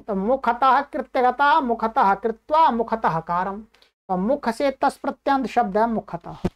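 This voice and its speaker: Female grammar teacher with a high voice, recites rules and then explains them clearly. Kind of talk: online grammar lesson.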